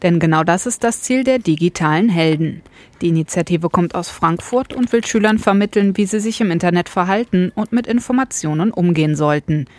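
A woman's voice: fairly low pitch, a little fast, a little mellow, dry recording. Female radio reporter voice-over. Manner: clear narrating voice-over.

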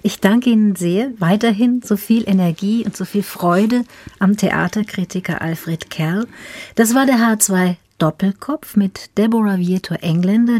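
A woman's voice: mid-range voice, darkish tone, dry recording. A woman hosting a radio interview, asking formal, polite questions. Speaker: radio host.

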